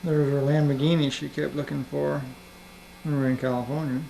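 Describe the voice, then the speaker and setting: A man's voice: on the high side, level tone, fairly quick, creaky, warm tone, rough recording. A man behind the camera, casually narrating a house tour on an old VHS home video, recorded indoors on the camcorder's own mic. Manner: casual, matter-of-fact commentary. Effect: old VHS home video tape. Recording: humming, hissy old camcorder tape.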